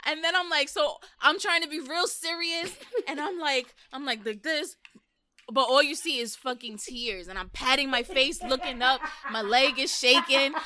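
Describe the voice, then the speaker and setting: A woman in her thirties co-hosting a casual podcast chat, animated and laughing often. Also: normal speed, a little hiss or hum. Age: 30s. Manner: animated, swings high when excited, laughs often. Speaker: podcast co-host.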